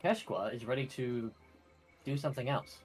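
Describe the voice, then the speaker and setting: A man's voice: mid-range voice, normal speed, breathy edge, lightly acted, rough recording. Brief: man voicing a drawling, chatty informant, plain mid voice, music underneath. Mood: folksy. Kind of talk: reading game dialogue aloud.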